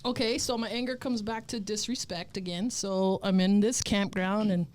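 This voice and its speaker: A woman in her fifties telling stories as a guest in a casual interview, blunt, profane and animated. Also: medium pitch, normal speed. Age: 50s. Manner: animated storytelling.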